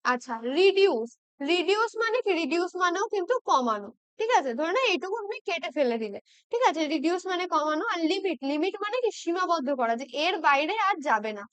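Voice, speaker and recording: Very high-voiced woman teaching English. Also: very animated, a little fast, hardly any pauses, no echo. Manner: keeps checking in with tag questions, spells words out letter by letter. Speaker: English exam-prep teacher. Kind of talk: explaining exam practice questions.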